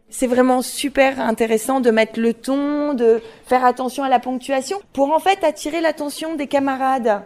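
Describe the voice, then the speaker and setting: A woman leading a diction workshop for children, playful and demonstrative, asking them many questions. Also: sits high.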